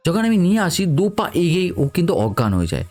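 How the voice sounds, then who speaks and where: A man recounts a ghost story in the first person, casual and conversational. His voice sits a bit high and moves with lively pitch swings. Faint background music plays under him. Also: rapid-fire.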